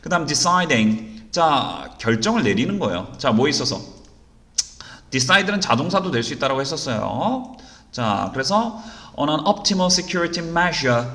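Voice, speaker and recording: Man teaching with lively pitch and echo. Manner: rhetorical questions answered himself, frequent "자"; reads English passages slowly and deliberately. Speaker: English teacher. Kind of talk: exam-prep reading lesson. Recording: roomy echo.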